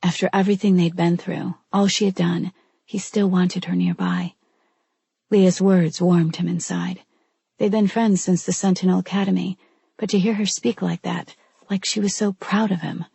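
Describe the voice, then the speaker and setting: A woman narrates in a low, gravelly voice with a deeply husky, breathy edge. Her tone is dark and mellow, and she is recorded close and dry with no room sound. The reading stays measured and even throughout. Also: dry recording. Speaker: audiobook narrator. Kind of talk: scripted narration.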